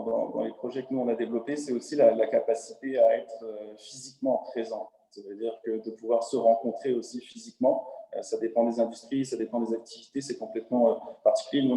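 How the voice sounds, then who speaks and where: French-accented man, halting webinar panelist, very mellow timbre, roomy video-call sound. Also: medium pitch, steady tone. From France. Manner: hesitant, many fillers and restarts. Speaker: panelist entrepreneur.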